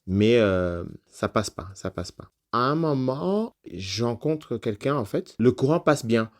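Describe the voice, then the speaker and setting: A man's voice: medium pitch, lively intonation, a little slow. A man, a podcast guest, telling a personal story in a casual conversational way, with loose phrasing and frequent fillers.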